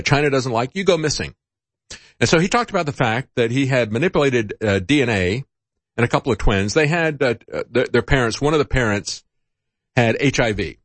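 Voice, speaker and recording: A middle-aged talk show host offers informal news commentary in a mid-range voice, rambling conversationally and chuckling at his own asides. The recording is dry.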